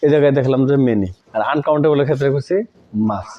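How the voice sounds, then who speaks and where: Speaking quickly in a mid-range voice, a man leads an English grammar class. He repeats the important words and checks that his students are following. The audio is dull and lo-fi.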